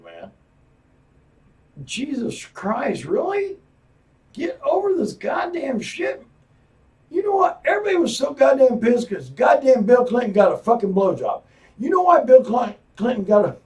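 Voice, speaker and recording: Gravelly, tipsy man rambling on a podcast. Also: high voice. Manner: profane, meandering, loud outbursts. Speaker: podcast host. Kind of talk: rambling solo podcast talk. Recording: voice a bit far from the mic.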